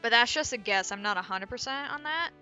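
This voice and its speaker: A streamer sketches and chats casually, her thoughts spilling out as she rambles and mutters to herself. The voice sits on the high side, brisk, animated and sharp-toned. Soft music plays faintly underneath.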